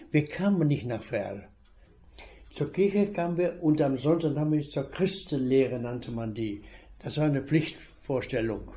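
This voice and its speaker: A man in his eighties, once a veterinarian, tells stories of his childhood in a slow, halting way, starting over now and then. Originally a Low German speaker from northwest Germany, he has a warm, slightly high voice, and the recording's high frequencies are cut off.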